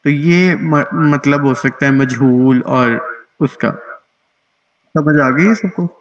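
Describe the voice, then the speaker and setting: A man's voice: fairly high pitch, lo-fi sound. A man teaching an online class on Quran recitation rules, explaining patiently and checking in with his students often.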